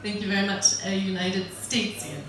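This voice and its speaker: A crowd can be heard behind the middle-aged American comedian as she talks fairly quickly at medium pitch. She's chatty and wry and laughs at her own jokes, and the echoey room leaves her sounding distant.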